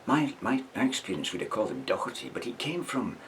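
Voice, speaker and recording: A man's voice: medium pitch, very animated, brisk, fairly bright tone, slight background noise. A man in his eighties recalling his army days in a casual, wry, rambling way, chuckling now and then. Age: 80s. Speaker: veteran recounting memories. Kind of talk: casual spoken reminiscence.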